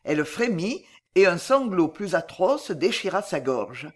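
A woman narrating a dramatic story in a measured, expressive way. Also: lowish voice.

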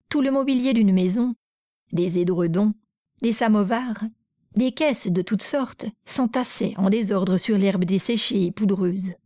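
A woman reading a classic novel aloud in a measured, even storytelling voice. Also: mid-range voice, no room sound, clean studio sound. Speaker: narrator.

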